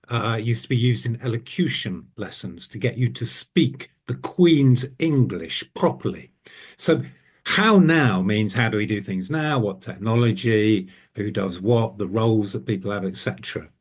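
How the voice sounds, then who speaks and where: A man from the United Kingdom on a discussion panel, explaining his view thoughtfully with pauses and rephrasing over a video call. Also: mid-range voice, breathy edge. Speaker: panel guest, senior business analyst.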